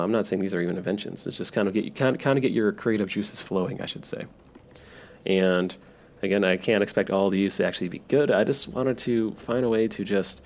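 A man hosting a podcast for sleep listeners, thinking out loud in a low-key, self-deprecating monologue with a drowsy, gravelly voice. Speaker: podcast host. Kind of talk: rambling, relaxed stream-of-consciousness monologue for sleep listeners.

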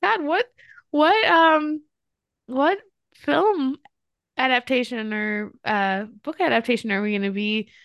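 A woman's voice: high voice, slow, a bit bright, no echo, studio quality. A woman co-hosting a podcast, chatting casually and gushing about a book's film adaptation with lots of fillers. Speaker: podcast co-host. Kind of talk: casual book and film chat.

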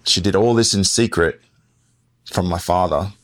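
In casual interview talk, a podcast guest in his forties tells his life story, rambling and self-correcting along the way. He has an Australian accent, having been born in the US and raised in Western Australia, and his voice sits low at a normal speed.

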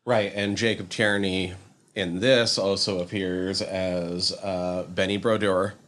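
Male co-host, lower pitch, relaxed conversational delivery, casual swearing. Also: slow. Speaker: podcast co-host. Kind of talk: casual chat.

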